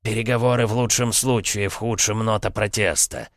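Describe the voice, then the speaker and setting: A man's voice: fairly low pitch, fairly even intonation, normal speed, dry recording, clean studio sound, voice pushed up, natural voice. A man voicing a sardonic male spirit who mocks his friend, in an audiobook. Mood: indignant. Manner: sarcastic, drawling.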